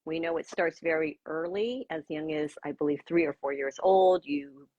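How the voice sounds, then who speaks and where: A sixty-year-old woman speaks as an interview guest over a video call. Her voice is husky and a little breathy, and her talk is chatty and easygoing, full of small fillers. The sound is dry and somewhat dull, like lo-fi livestream audio. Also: deep voice, moderate pace, a little mellow, dry recording. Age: 60s. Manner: chatty, with frequent fillers and laughs. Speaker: guest, pro-age blogger. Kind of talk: casual conversational interview.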